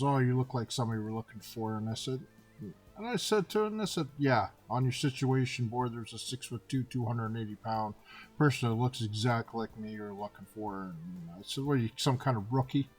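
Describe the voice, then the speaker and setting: A Canadian man in his fifties tells personal stories in a casual monologue, animatedly acting out both sides of the dialogue with repeated "and I said." His mid-range voice is a little fast, with soft background music.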